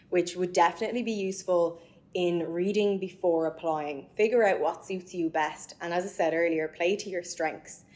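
A woman's voice: on the low side, darkish tone. A young woman from County Mayo with an Irish accent, giving conversational advice as a podcast guest. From County Mayo, Ireland.

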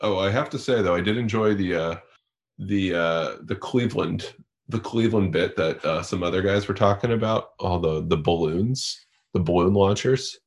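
A man with a very deep voice, talking sports as a podcast guest. He stammers and restarts often, slipping dry jokes into the chat. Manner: halting, repeats words, dry humor.

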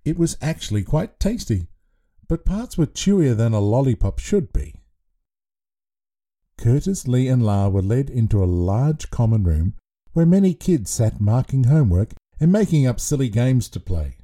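Man, narrator, children's storybook, expressive, dark husky tone, lively pitch. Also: normal speed. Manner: expressive, playful reading.

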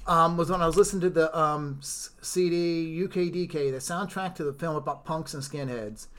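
A man's voice: fairly high pitch, fairly even intonation, brisk, fairly bright tone. Man, podcast co-host, casual chat, rambling, restarts, fillers.

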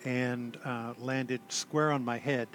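An older man, a retired army chaplain, telling his story in a halting, self-deprecating way with dry humor. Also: mid-range voice, level tone, fairly bright tone, soft background music. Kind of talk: conversational storytelling.

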